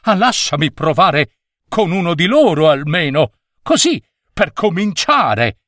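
A man's voice: fairly high pitch, big pitch swings, unhurried, a bit bright, dry recording, clean studio sound, pitched above the performer's own voice. A man voicing a proud, stubborn male king who speaks in a protesting, indignant way in a storybook tale.

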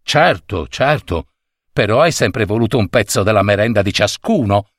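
A man plays a practical little schoolgirl who answers quickly and plainly, in a storybook reading. His voice is barely changed and sounds close and dry. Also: on the low side, lively intonation, no room sound. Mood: matter-of-fact. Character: practical schoolgirl, matter-of-fact.

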